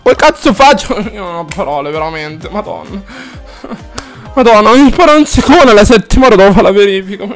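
High-voiced, foul-mouthed gaming streamer guy. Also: expressive, fairly quick, soft background music. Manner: rambling and profane, chatting to viewers; loud, exaggerated outbursts while playing. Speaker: game streamer. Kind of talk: casual live-stream chatter.

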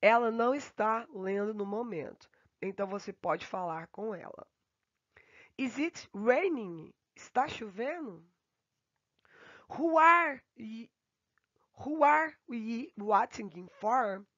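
A woman teaches English grammar remotely from home. She stretches out her English example sentences and rushes through the asides. The sound is dry and a little muffled. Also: on the high side, no echo. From Brazil. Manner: slow, drawn-out English examples between quick asides. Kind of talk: remote lesson explaining grammar. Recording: dull, dry home recording.

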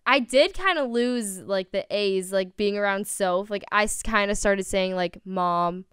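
A young woman from the Chicago area talks in a loose, giggly chat and stretches her vowels. Her voice is bright and very clean. The sound is close and dry. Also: mid-range voice, moderate pace, clear, resonant tone, no echo. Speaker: podcast guest. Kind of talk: casual chat.

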